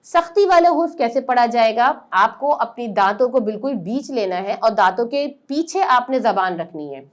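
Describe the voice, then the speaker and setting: A woman teaching Quran letter pronunciation step by step, explaining patiently and then drawing out each letter sound slowly and loudly. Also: fairly high pitch, lively intonation.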